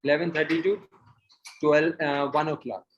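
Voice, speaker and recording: Male, Indian accent, fairly high-pitched, fast informal group-session speaker, muffled online call. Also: fairly even intonation, slight background noise. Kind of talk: informal group discussion, mixing Hindi and English. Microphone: video call.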